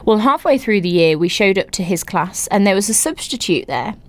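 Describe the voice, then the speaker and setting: Reading listener stories aloud on her podcast, a woman reacts with giggles and frequent exclamations, animated throughout. She talks fairly quickly in a mid-range voice.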